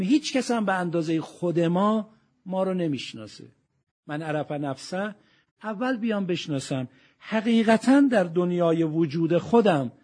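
A man with a slightly high voice preaching a sermon. He draws out recited verses slowly. He drops into quiet, reflective passages and then swells into forceful, loud exhortation.

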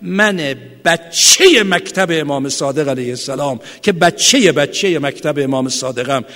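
A man with a high voice preaches a fervent sermon. He drops to near-whispers, then builds to loud shouts. His voice rings out with a long reverb, as if in a large hall. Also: animated. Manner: swings from hushed to loud shouting. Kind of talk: impassioned sermon.

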